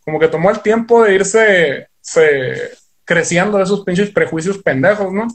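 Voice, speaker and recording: High-voiced Sonoran guy, slangy rambling. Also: moderate pace. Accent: northern Mexican (Sonora). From Sonora, Mexico. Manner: heavy slang and swearing, rambling storytelling. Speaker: podcast guest, guitarist. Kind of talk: casual podcast chat.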